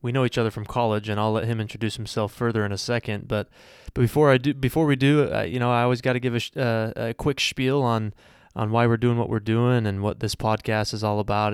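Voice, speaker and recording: Male podcast host, thirties, low and very clear, casual and filler-heavy. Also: fairly quick, hardly any pauses, no room sound, studio quality. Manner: relaxed, filler-heavy, friendly. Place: studio.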